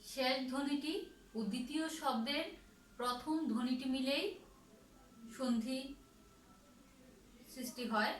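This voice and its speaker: High-pitched woman teaching a class, asks then answers herself, echoey room, mic a bit far off. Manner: slow, repetitive, asks and answers her own questions. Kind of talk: online grammar lesson. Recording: roomy echo from far off, faint ambience.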